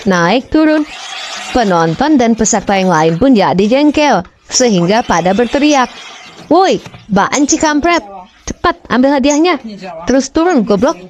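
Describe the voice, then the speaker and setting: A woman narrating a string of comic short stories in an even, clear storytelling delivery. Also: on the high side, slight background noise.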